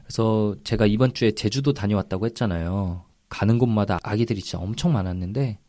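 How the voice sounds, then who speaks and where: A man's voice: lowish voice, brisk, no room sound, studio quality. A man co-hosting a podcast, telling chatty anecdotes in casual talk. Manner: chatty storyteller, lively anecdotes. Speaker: podcast co-host.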